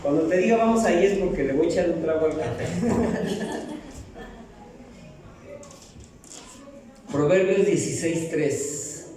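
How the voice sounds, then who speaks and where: A man's voice: a little high, animated, slow, long pauses, warm tone, distant mic, slight background noise. A middle-aged man preaching a sermon in a church, joking and asking the congregation questions. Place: church hall. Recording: echoey hall, mic from afar.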